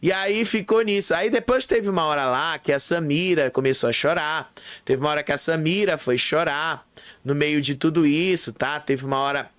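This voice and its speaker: A man's voice: fairly high pitch, normal speed, a bit bright, smooth, no echo. A man casually recapping reality show gossip, chaining events together and checking in with the listener. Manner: chatty, strings events with "aí" and checks in with "tá?".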